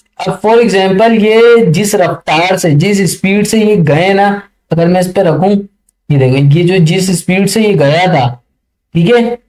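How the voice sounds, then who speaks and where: A man teaching a networking lesson over a screen share, chatty and often checking that listeners follow, reading English passages slowly and haltingly. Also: high voice, darkish tone. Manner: chatty, keeps checking understanding. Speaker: networking tutor.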